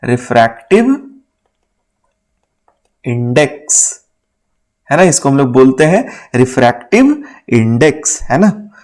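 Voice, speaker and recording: A man's voice: mid-range voice, sing-song, normal speed, a little mellow. A man teaching physics for an exam, talking casually, mixing English terms into Hindi and often checking "है ना?". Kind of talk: exam-prep lecture. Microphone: writing on a board while talking.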